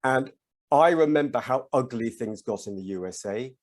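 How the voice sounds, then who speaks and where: A man's voice: mid-range voice, expressive, moderate pace. A British man speaking on a conference panel as the leader of an orchestra association, telling stories in a chatty way with frequent ums and restarts. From United Kingdom.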